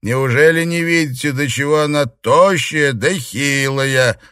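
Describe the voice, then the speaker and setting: A man voicing an older woman, a doting family matriarch, speaking slowly and indulgently in a storybook reading. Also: medium pitch, a bit bright, clear, resonant tone, no echo, clean studio sound, pitched above the performer's own voice, natural voice. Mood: amused, doting.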